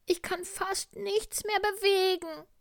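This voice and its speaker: A tiny, sickly tiger cub from a children's storybook, voiced by a woman, whimpering his complaints in a very high, squeaky voice. He drags his words out slowly and plaintively. The sound is close and dry. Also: steady tone, gravelly, no echo, heavily acted. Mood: whiny, sickly. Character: little male tiger cub, sick and whiny.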